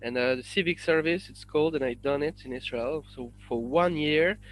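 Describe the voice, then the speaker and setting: French-accented man, halting and hesitant. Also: fairly high pitch, a bit bright, rough recording. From France. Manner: hesitant, halting, many fillers and restarts. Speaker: guest, independent researcher. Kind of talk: casual podcast interview.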